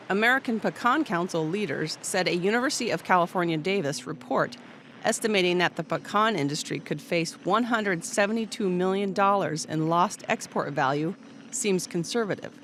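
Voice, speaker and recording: A reporter reading scripted news narration in a steady, measured way. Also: medium pitch, slight background noise.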